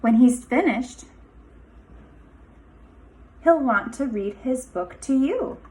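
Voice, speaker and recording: With a fairly high pitch, a kindergarten teacher shares a picture book aloud with little ones, adding asides along the way in an expressive, teaching manner. The audio is poor.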